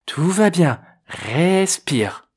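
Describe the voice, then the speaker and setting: Guy doing a teen girl calming a friend down, coaxing, higher voice. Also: extremely slow, breathy edge, exaggerated voice. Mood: soothing. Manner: soothing, coaxing. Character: calm teenage girl soothing a friend.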